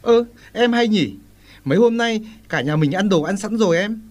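A man's voice: high-pitched, lively intonation, normal speed, a little mellow. A man playing an earnest middle-aged husband who lectures his wife about family meals.

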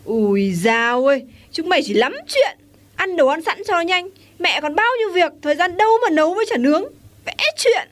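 Woman as a fussy, complaining middle-aged wife, high voice. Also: expressive, normal speed. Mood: dismissive. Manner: complaining, exclaiming. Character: busy, dismissive middle-aged wife and mother.

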